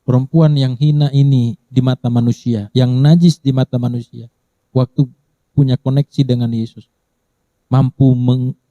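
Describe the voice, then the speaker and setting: A pastor preaching a sermon in church, dramatically acting out the quoted voices. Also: male voice, dark tone, no room sound, highs cut off. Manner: dramatic, acts out the quoted voices with big pitch jumps.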